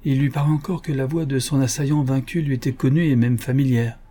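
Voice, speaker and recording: Husky-voiced male narrator. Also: mid-range voice, fairly even intonation, fairly quick, mellow. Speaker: audiobook narrator. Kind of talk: scripted narration.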